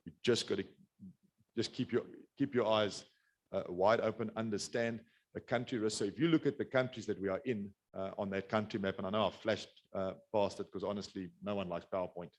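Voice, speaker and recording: Middle-aged South African man, low voice, quick rambling business webinar talk, lots of restarts. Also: steady tone. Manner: rambling, many restarts and fillers. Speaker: business speaker. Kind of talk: webinar presentation.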